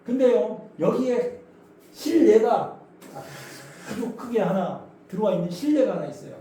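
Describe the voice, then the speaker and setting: A man with a high-pitched voice delivers a sermon at a slightly slow pace in a church sanctuary. He narrates vividly, acts out voices and asks the congregation questions, all captured from afar in an echoey hall with faint noise.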